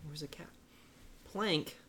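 A man's voice: fairly high pitch, slow pace, noisy background. A man co-hosting a gaming podcast, chatting casually and rambling with lots of fillers while he looks things up. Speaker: podcast co-host. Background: game music.

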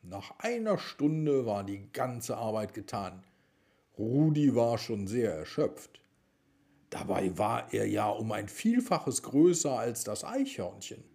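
A middle-aged man narrating a bedtime story for children in a slow, gentle way. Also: lowish voice, gravelly. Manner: slow, gentle, lively intonation.

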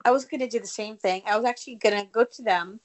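Chatty woman co-host, slightly high voice. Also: quick pace. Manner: chatty, swears and laughs easily. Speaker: podcast co-host. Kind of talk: casual chat.

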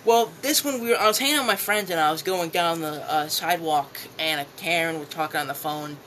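A young man with a bright, forward voice tells stories in a loose, casual chat. He laughs easily and swears freely as he goes. A faint hiss of room noise sits under him. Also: fairly high pitch, quick pace, rough recording. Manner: laughs often, swears casually, animated retelling. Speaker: podcast guest.

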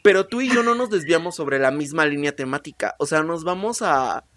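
A young woman with a Mexican accent co-hosts a podcast, bantering casually with a friend in an animated, teasing, slangy way and wandering off topic. Her voice sits low and she talks briskly.

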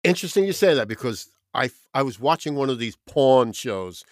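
A man with a New Jersey accent co-hosts a music show in easy, rambling conversation, running through long strings of names as he tells a story. His voice sits in a middle pitch and is recorded close and dry. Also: lively intonation, fairly quick, dry recording. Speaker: podcast co-host. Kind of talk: casual chat.

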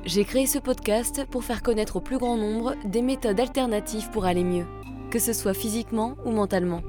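A woman's voice: a little high, brisk, over music. A woman hosting a podcast in a chatty, playful and informal way, with a morning voice. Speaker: podcast host. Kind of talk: chatty interview.

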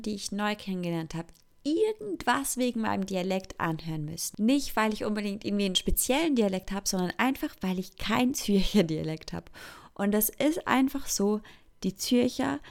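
This young female vlogger from Thurgau, Switzerland, speaks Swiss German with an accent partly shaped by Zurich. Her mid-range voice carries some vocal fry as she chats candidly and self-mockingly about her own life in a casual monologue.

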